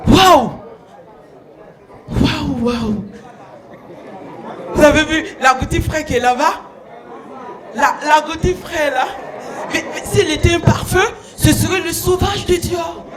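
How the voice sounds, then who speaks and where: A man playing Madame Ducu, flirty high-voiced lady. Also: slow pace, pauses often, poor audio. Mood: teasing. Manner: flirtatious, teasing the audience, constant "hein" and "oh là là". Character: flirty, gushing woman, Madame Ducu, with a put-on French accent. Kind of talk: stand-up character comedy on stage. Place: concert stage before a large audience. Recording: live stage show with loud crowd and noise.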